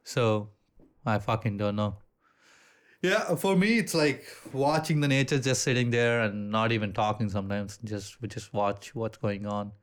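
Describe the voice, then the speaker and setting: A man with an Indian accent and a lowish voice co-hosts a casual podcast chat at a moderate pace. He sounds relaxed, swears freely, and often restarts his sentences.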